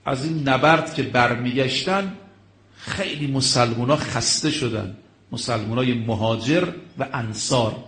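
A man's voice: mid-range voice, fairly bright tone, echoey room. A man preaching a religious sermon, telling stories dramatically, acting out the quoted speech and rising to emphatic exclamations.

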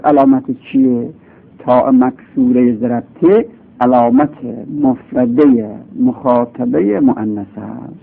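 A man's voice: mid-range voice, gravelly. A man teaching grammar in a classroom lecture. He explains patiently, repeats his examples, and his voice leaps up for emphasis. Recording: tinny lo-fi phone-like recording.

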